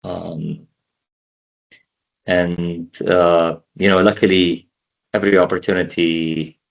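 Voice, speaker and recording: A man from the Emirates in his thirties speaks with a very low voice. He talks casually over a video call, pausing and repeating words while he gathers his thoughts. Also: flat delivery, vocal fry, lo-fi sound. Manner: halting, repeats words while thinking aloud. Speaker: podcast guest. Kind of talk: casual conversation.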